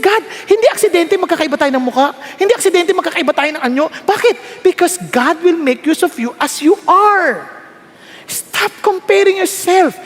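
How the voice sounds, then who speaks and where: Man, Filipino accent, pastor, sermon, high and lively voice, joking, long reverb. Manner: animated, joking, self-mocking. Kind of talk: sermon mixing Tagalog and English.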